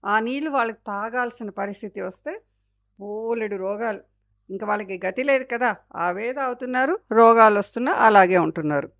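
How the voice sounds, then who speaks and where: A woman's voice: a little high, fairly quick, a bit bright. A woman voicing the forest as a caring, motherly spirit in a storybook tale, explaining things patiently. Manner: explaining patiently, sometimes angry.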